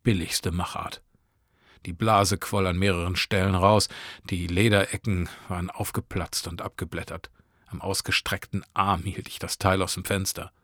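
A man's voice: deep voice, level tone, normal speed, a bit bright, no room sound, clean studio sound. A man reading a short story aloud, narrating in a sardonic, crude first-person voice.

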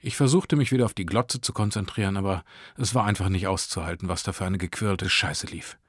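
A man's voice: sits low, a little fast, breathy edge, no room sound, studio quality. A man reading a short story aloud, narrating in a sardonic, crude first-person voice.

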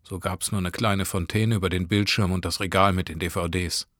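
A man's voice: low-pitched, steady tone, brisk, fairly bright tone, no room sound, clean studio sound. A man reading a short story aloud, narrating in a sardonic, crude first-person voice.

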